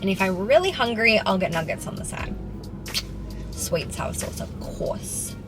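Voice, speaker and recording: A woman's voice: medium pitch, big pitch swings, moderate pace. A young Australian woman in her twenties answering viewer questions in a casual vlog, chatty and full of "like". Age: 20s. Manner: chatty, peppered with "like". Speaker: fitness vlogger. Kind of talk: casual Q&A to camera. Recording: music playing underneath. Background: background music.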